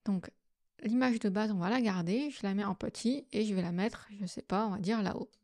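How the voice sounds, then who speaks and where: Casual woman walking through software steps. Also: mid-range voice, a little fast, no echo, clean studio sound. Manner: casual, step-by-step explaining with fillers. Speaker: astrophotography tutorial host. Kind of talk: screen-recorded software tutorial.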